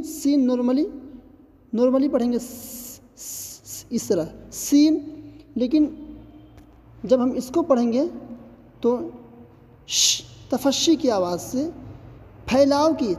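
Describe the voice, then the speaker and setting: A woman's voice: high voice, warm tone, in a large hall. A woman teaching a tajweed lesson, explaining patiently and reassuringly, and drawing out each letter sound as she demonstrates it. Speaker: Quran recitation teacher.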